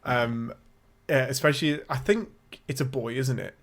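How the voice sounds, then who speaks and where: A man's voice: mid-range voice, normal speed, a bit bright. English man musing aloud about a film. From England. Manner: thinks aloud, self-correcting, hedging with "I think". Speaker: podcast co-host. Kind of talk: casual film-discussion chat.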